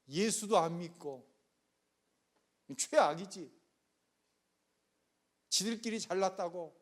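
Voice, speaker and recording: A man preaching a sermon as pastor, telling a story and acting out the people's quoted lines with changing loudness. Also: high-pitched. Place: church sanctuary.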